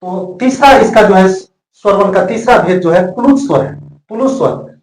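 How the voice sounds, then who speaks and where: A man with a Bihari Hindi accent teaching an exam-prep grammar lesson, repeating each point slowly and drawing out vowels as examples. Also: high voice. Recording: roomy echo.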